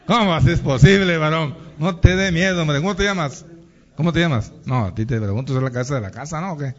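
High-voiced playful male preacher. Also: fast talker, muffled recording. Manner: teasing, playful, asks the congregation questions. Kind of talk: lively sermon with audience questions.

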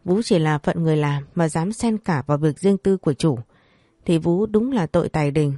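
A woman's voice: sits low, moderate pace, mellow, no room sound, studio quality. Woman voicing a stern young master. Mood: stern interrogating. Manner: stern, threatening, mocking.

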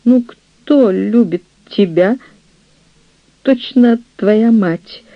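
Man putting on a shrill scheming old nurse. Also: drawn-out words, no echo, muffled recording, full character voice. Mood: aggrieved. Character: older woman, scheming jealous nurse, ensign's widow.

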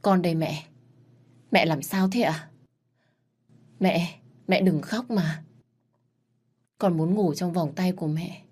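A woman's voice: lowish voice, slow pace, pauses often, darkish tone, husky. A woman voicing a tortured young prince in a read-aloud story, speaking in an earnest, pleading way. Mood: tender. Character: tortured young prince, defiant then tender.

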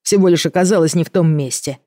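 A woman's voice: on the low side, quick pace, mellow, dry recording, natural voice. Woman reading a curt grumpy young guy, dismissive, darkish voice, dry sound. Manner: clipped, dismissive. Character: grim, curt young man, hostile brother-in-law.

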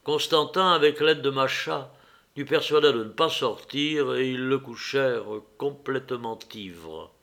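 A man narrating a classic novel as an audiobook reader, in a measured, even reading. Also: mid-range voice.

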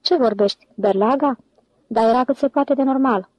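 A man's voice: very high voice, no echo, rough recording. A woman voicing a cold, reserved male office clerk who speaks coolly and curtly. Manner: cool, curt.

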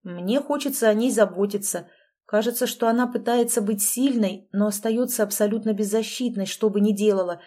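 A reserved, guarded grown man, as read by a woman storyteller, speaking in a flat, terse way. The tone is soft and mellow, close to the reader's own voice. It is a storybook read-aloud. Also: medium pitch, fairly quick, close to an everyday voice. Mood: earnest.

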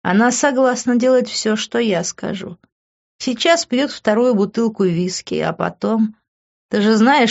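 A woman's voice: mid-range voice, vocal fry. A smug rival man taunts with easy contempt, as a woman reading the audiobook puts him on. The sound is dull and lo-fi.

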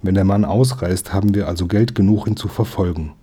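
Man reading an earnest boy hero, steady, low husky voice. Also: a little fast. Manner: earnest, planning aloud.

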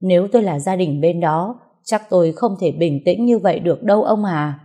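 A woman's voice: lowish voice, moderate pace, dark tone, natural voice. Woman reading a worried old village mother. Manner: pleading, tearful.

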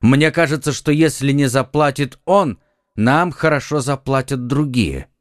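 A man voicing a quick-witted young swordsman in an audiobook, urgent and commanding. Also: medium pitch, no echo, clean studio sound, voice pushed up, natural voice.

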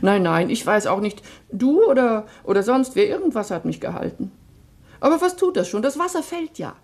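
A woman's voice: a little high, very animated, moderate pace, husky, full character voice. A wistful older woman. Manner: gentle, wistful. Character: older sister-in-law, gentle, wistful. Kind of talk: 1960s radio play acting.

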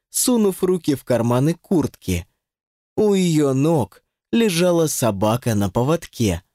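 Male narrator for a novel audiobook: lively, expressive storytelling, dry studio sound. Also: mid-range voice, no room sound. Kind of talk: scripted narration.

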